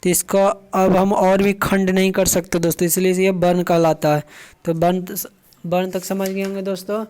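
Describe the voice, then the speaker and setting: A man's voice: high-pitched, level tone, normal speed, a little mellow, clear, resonant tone. A man teaching a grammar lesson, often asking his viewers a question and then answering it himself while repeating key points.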